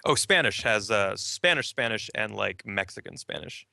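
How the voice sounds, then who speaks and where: A man talking as a game developer guest in a casual interview, animated and explaining. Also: fairly low pitch, normal speed, vocal fry, no echo, clean studio sound.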